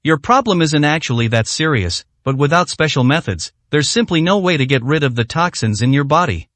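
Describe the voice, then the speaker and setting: A man voicing a cold, commanding young male boss who speaks calmly and bluntly. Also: fairly high pitch, fairly quick, no echo. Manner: calm and blunt.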